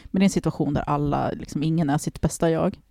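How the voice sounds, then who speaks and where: A woman casually telling a story on a podcast, animated, swearing and acting out the people she quotes. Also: sits low, creaky, no echo, studio quality.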